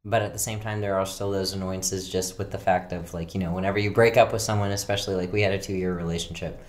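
A young man co-hosting a podcast, chatting casually and telling rambling stories, laughing often and filling pauses with "um" and "like.". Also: deep voice, fairly even intonation. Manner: laughing, rambling storyteller with many fillers. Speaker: podcast co-host. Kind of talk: casual chat.

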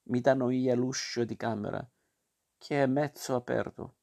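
A man's voice: medium pitch, fairly even intonation, measured pace, vocal fry, darkish tone. A man reading a storybook aloud and voicing a stubborn, whiny wooden puppet boy in a raised voice. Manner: whiny, protesting.

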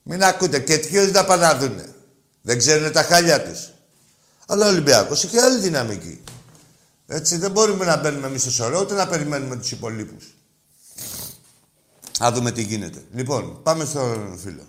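Loudmouth guy hosting sports call-in radio, roasts the callers, yells then mutters. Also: on the high side, sing-song, pauses often. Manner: mocking and insulting callers, shouting in bursts; wide swings between loud outbursts and muttered asides. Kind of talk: rowdy call-in radio banter.

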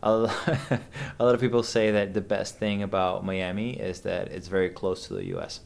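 A man's voice: sits low, animated, normal speed, gravelly, noisy background. A man in his thirties from Venezuela, a podcast guest chatting casually and hesitantly, with many fillers and restarts. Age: 30s. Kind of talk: casual conversation.

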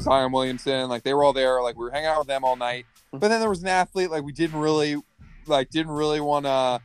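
A man's voice: mid-range voice, clean tone. A young man co-hosting a podcast in casual chat, rambling and filling every sentence with "like". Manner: rambling, heavy use of "like", acts out party voices. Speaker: podcast co-host.

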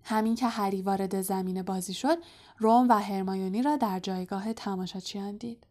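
A woman narrating a storybook in a soft, quiet, even-paced voice. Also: mid-range voice. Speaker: audiobook narrator.

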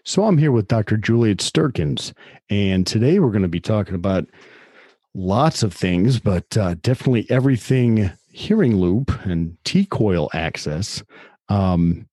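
Chatty mellow-voiced male interview host. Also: lowish voice, sing-song, unhurried, no room sound, clean studio sound. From Chicago, United States. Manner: chatty, rambling, friendly asides. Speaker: podcast host. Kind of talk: casual interview chat.

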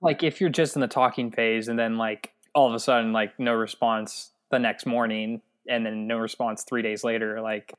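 A man's voice: medium pitch, fairly even intonation, moderate pace, hardly any pauses. A man in a casual chat, talking hesitantly with restarts and light jokes.

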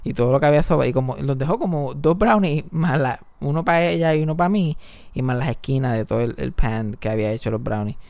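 A young man with a Puerto Rican accent tells a funny story in casual chat, animated and profane, squealing high when he quotes himself. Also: fast, vocal fry, dry recording.

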